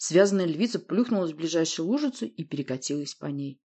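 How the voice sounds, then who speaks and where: A woman narrating a fantasy audiobook in the first person with expressive storytelling. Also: low voice, fast talker, slightly rough.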